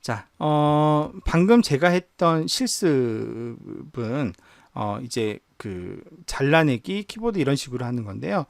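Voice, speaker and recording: A man's voice: medium pitch, sing-song, takes it slowly, creaky, dry recording. A man teaching an online university class, walking through each step on screen. He asks the students questions and then answers them himself. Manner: walks through screen steps. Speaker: university professor. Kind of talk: online lecture on spreadsheet software.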